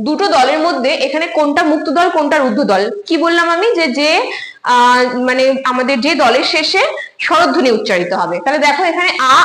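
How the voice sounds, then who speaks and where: A woman's voice: sits high, fairly bright tone, echoey room, low-quality recording. A woman teacher giving an online lecture, explaining terms step by step, often repeating key words and checking whether students follow. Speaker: Bengali literature teacher.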